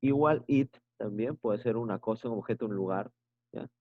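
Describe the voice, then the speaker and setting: Male teacher, patient explaining, low voice, tinny phone-like sound, dry and close. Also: moderate pace, dry recording. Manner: patient, explanatory, often checking with tag questions. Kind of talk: online English grammar lesson.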